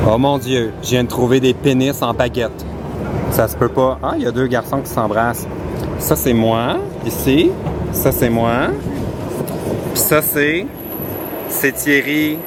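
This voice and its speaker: A young man from Quebec with a Québécois French accent, chatting in a casual travel vlog, animated and laughing as he tells stories. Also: mid-range voice, very noisy. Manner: animated, laughing, exclaims often. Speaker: vlogger.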